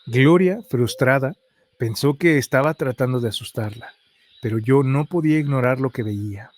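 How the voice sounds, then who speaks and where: A man reading horror stories aloud as a scripted narration, in an even, measured way. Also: medium pitch. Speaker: storyteller.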